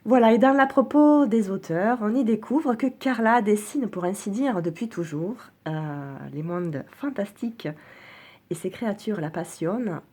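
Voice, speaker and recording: A French woman presenting a card deck in a casual video, hesitant and earnest, with many fillers and restarts. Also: medium pitch. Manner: soft, earnest, enthusiastic. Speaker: oracle card reviewer. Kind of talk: casual spoken product presentation.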